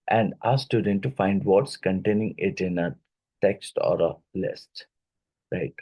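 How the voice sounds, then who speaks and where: Male teacher, Indian English accent, low voice, unhurried worksheet walkthrough with frequent tag questions. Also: mellow. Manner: explanatory, checks in with tag questions. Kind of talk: exam-prep lecture walking through worksheets.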